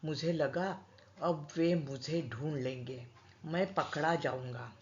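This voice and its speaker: A woman reads a story aloud in a calm, measured way. Her voice sits a little low and she takes her time. The recording sounds slightly dull and lo-fi. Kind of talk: scripted story narration.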